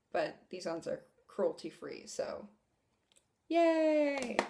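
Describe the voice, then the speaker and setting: A woman's voice: medium pitch, a little mellow. A young woman vlogging a casual makeup haul, chatty and enthusiastic, laughing at herself now and then. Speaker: beauty vlogger. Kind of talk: casual product haul review.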